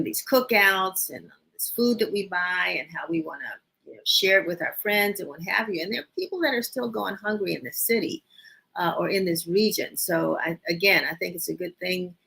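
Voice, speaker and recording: A woman's voice: on the low side, expressive, moderate pace, creaky, fairly bright tone, slightly rough, low-quality recording. A woman hosting a casual interview show over a video call, upbeat and rambling with many restarts, sniffling a little. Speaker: host.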